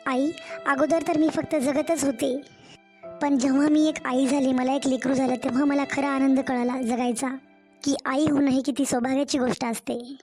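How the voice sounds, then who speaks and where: A woman's voice: high voice, little pitch movement, moderate pace, mellow, soft background music, close to an everyday voice. A woman voicing a weary young new mother, complaining and pleading to her own mother in a cartoon story.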